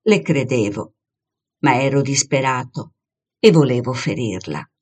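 A reader calmly reading a first-person literary passage aloud, with dialogue. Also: medium pitch, a little slow, breathy edge. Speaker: reader of a novel excerpt.

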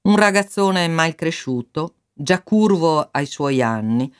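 Expressive audiobook narrator with lively pitch. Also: clean tone. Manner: measured, expressive storytelling. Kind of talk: audiobook reading of a novel.

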